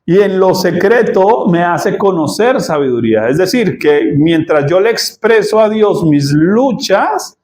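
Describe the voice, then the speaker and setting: A man delivers a sermon as a pastor, talking to his congregation in a casual, joking way. His voice sits high and he takes his time, often stopping to ask if they follow. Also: sing-song, a little slow, few pauses, a little mellow, slight background noise. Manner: conversational, asks the congregation "¿sí?" often; acts out quoted voices and laughs at his own jokes.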